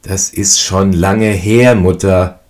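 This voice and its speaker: A man reading a storybook and voicing a cocky young eldest brother who talks loud and brash. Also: sits low, fairly even intonation, takes it slowly. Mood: defiant.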